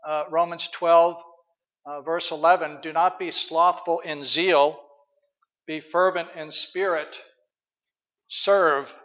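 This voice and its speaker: A man's voice: a little high, bright, forceful tone, big-room sound. A man preaching a sermon as pastor in a church, speaking in a conversational, reflective way with frequent fillers. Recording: dull lo-fi sermon recording.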